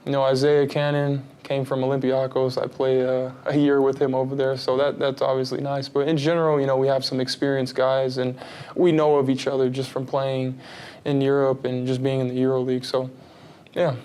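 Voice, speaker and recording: A relaxed man in his thirties who grew up in Texas talks through his answers in a casual interview. He rambles a little and keeps his voice level and even, with hardly any rise or fall. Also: medium pitch, fairly quick, clean tone. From United States (Texas). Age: 30s. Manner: relaxed, rambling, many fillers and restarts. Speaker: basketball player, interview guest.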